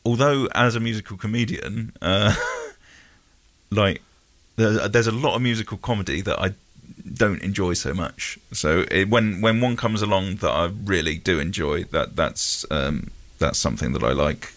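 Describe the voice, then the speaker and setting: Low-pitched, hesitant British male guest. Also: moderate pace, a bit bright. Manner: hesitant, rambling. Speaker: musical comedian, interview guest. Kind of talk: casual interview chat.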